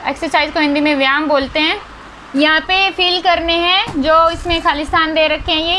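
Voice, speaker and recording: A young woman teaches a school lesson in a very high, bright voice. She explains patiently and keeps checking in with her listeners. A faint hiss sits under the close recording. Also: rough recording. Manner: patient, repeats key words with frequent "ठीक है" and "है ना".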